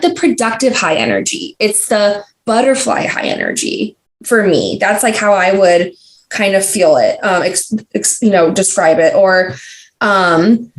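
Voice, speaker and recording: Rambling young woman in a roomy room. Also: medium pitch. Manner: rambling, filler-heavy, restarts often. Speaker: podcast guest. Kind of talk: casual conversational interview. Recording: roomy echo.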